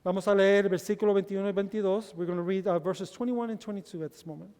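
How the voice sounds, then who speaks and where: A man's voice: high-pitched, fairly even intonation, fast, dark tone, smooth. A male pastor preaching a bilingual sermon, giving each point in Spanish and then in English and calling the congregation brothers. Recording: long hall reverb.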